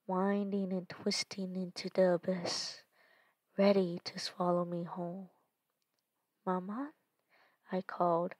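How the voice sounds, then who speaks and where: A woman hosting a storytelling podcast, reading a dark story in a soft, hushed voice that often drops near a whisper. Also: mid-range voice, no echo.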